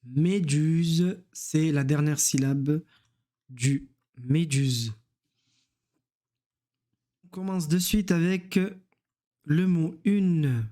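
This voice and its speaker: A man's voice: fairly high pitch, drawn-out words, pauses often, mellow. A man teaching reading, sounding out letters and syllables one at a time and repeating each word. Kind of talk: slow step-by-step reading lesson.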